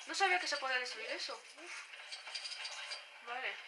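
A woman's voice: high-pitched, lively intonation, normal speed, very noisy. A woman with a Spain Spanish accent doing let's play commentary, jumpy, nervously exclaiming and crying out for help. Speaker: gaming channel host.

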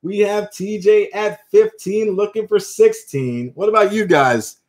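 Male auction host with a high voice and an unhurried pace; chatty, calls bids like a sports commentator. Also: a little mellow. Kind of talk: live-stream coin auction patter.

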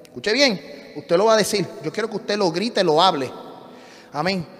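A male pastor preaching a fervent sermon in a church, swinging between shouted refrains and hushed teaching. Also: high-pitched, moderate pace. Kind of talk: passionate Spanish sermon. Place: church sanctuary. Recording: reverberant church hall with music.

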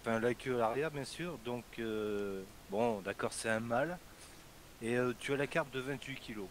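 Brief: man, mid-pitched, jokey gaming commentary over voice chat, faint hiss behind. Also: moderate pace, rough recording. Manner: joking, teasing, chatty. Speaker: gamer commentating. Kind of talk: casual group chat over voice call.

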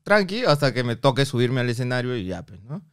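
A Peruvian man in his thirties, speaking with a Peruvian Spanish accent, chats as a podcast guest in a mid-range, slightly fast voice with a clean tone, recorded at studio quality without echo. He's an animated storyteller who uses slangy talk and acts out the other voices in his tales.

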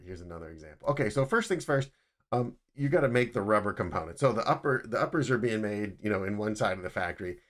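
A middle-aged man casually narrating factory slides as a footwear design instructor, explaining with frequent restarts. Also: sits low. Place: indoors, webcam over slides.

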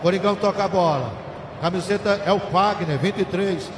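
High-pitched Brazilian man narrating football. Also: moderate pace. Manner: colloquial, excitable, full of stock catchphrases. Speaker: play-by-play football commentator. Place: open stadium press stand. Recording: noisy, echoey live stadium recording. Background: stadium crowd ambience.

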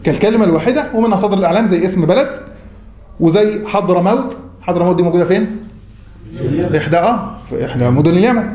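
A man's voice: sits high, animated, racing, mellow. A man with an Egyptian accent teaching a class, who keeps asking the students questions and then answering them himself. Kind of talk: classroom lecture. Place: classroom or mosque hall. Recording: roomy hall with faint noise.

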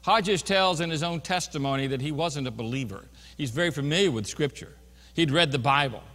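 A man's voice: on the high side, fairly quick, fairly bright tone, long reverb tail. A man preaching an earnest, emphatic sermon in a church, often restarting his phrases. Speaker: pastor. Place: church sanctuary.

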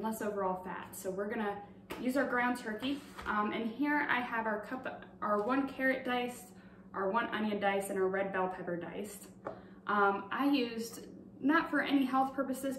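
With a mid-range voice, a young woman demonstrates a recipe in her home kitchen in a casual way, talking through every step and using lots of fillers. Recorded from a distant camera on a tripod, the sound is roomy with a slight hiss or hum.

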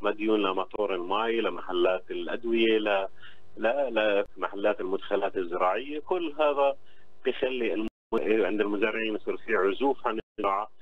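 Fast, low-voiced Palestinian man on phone. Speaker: phone-in guest, agriculture official. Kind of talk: interview answers, explaining. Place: on the phone to a radio studio. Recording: dull phone line with clear hum.

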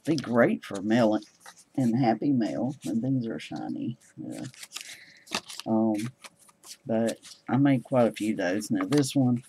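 A man's voice: fairly low pitch, noisy background. A man casually showing his handmade cards, rambling and hesitant with many ums. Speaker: crafting vlogger. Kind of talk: casual show-and-tell chat.

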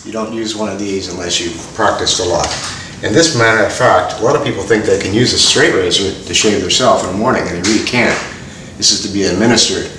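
A man's voice: on the low side, fast talker, noisy background. An older man, a master barber, confidently explaining shaving while he works in a large barber shop. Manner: confident, instructive. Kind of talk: explaining his craft. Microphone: far camera mic. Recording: echoey room, far from mic.

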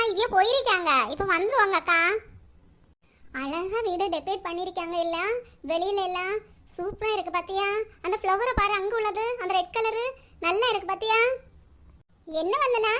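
A woman's voice: very high-pitched, pushed and bright. A woman voicing a fussy, kindly family woman in a cartoon, scolding and organizing.

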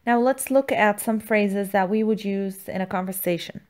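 A woman's voice: mid-range voice, moderate pace, darkish tone. Woman teacher narrating a scripted lesson. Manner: instructional, enunciates words and repeats them. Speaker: language teacher, channel host.

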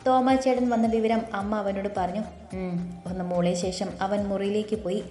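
A woman narrating a story in a calm, even storytelling voice. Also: medium pitch, normal speed. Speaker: audiobook narrator. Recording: roomy echo with faint music.

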